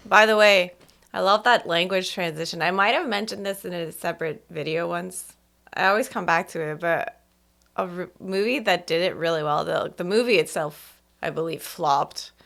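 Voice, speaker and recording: A woman hosting a casual first-time movie reaction, chatting and pausing the film to comment. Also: on the low side, creaky, a bit bright. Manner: chatty, laughs along with the film.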